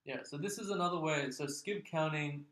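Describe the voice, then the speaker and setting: A man's voice: fairly high pitch, moderate pace, a bit bright. A man tutoring a child in maths one-on-one, explaining patiently and checking in with frequent "okay?"s. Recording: echoey room.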